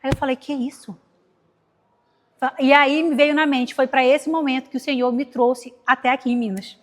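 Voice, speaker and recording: A woman's voice: sits high, steady tone, fairly quick. A woman preaching a sermon to a women's group, speaking conversationally and telling personal stories while addressing the listeners directly. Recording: long hall reverb.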